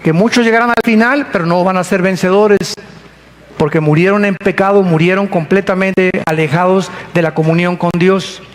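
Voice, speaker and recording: A woman's voice: on the low side, normal speed. A woman with a Mexican accent preaching a sermon, acting out the voices she quotes with sudden dramatic leaps. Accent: Mexican Spanish. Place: church service streamed online.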